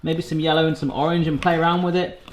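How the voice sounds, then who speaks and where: A man's voice: a little high, little pitch movement, fast talker. A man hosting a home cooking vlog, chatting and joking as he explains each baking step in his kitchen. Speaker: cooking channel host. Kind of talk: casual cooking vlog chat. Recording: echoey room with faint noise.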